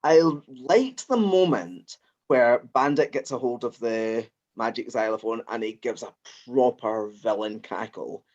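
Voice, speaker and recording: A man's voice: mid-range voice, a little slow, darkish tone, highs cut off. A man co-hosting a casual podcast chat, thinking aloud with frequent restarts. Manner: thoughtful, rambling with restarts. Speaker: podcast co-host.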